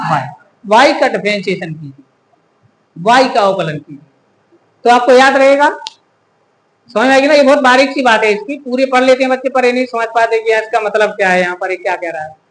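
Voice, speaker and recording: A man's voice: very high voice, a bit bright, a little hiss or hum. A male physics teacher giving a classroom lecture, who keeps asking the class rhetorical questions and repeating key terms. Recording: echoey room.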